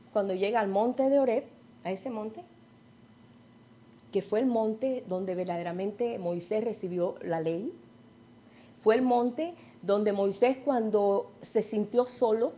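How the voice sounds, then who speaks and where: A middle-aged woman teaches a Bible study, her voice slightly high yet soft and mellow. She retells old stories in her own words and keeps checking in with her listeners. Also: a little hiss or hum. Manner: retells stories with acted quotes, asks listeners questions.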